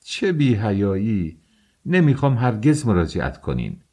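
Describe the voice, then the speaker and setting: A man's voice: low-pitched, expressive, darkish tone. Man voicing a proud, angry young woman.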